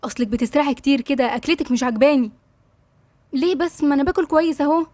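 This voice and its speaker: Shaken young wife read by a woman, Egyptian accent, high voice, dry close sound. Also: rapid-fire, a little mellow, dry recording, lightly acted. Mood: evasive. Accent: Egyptian Arabic. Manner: pleading, emotional.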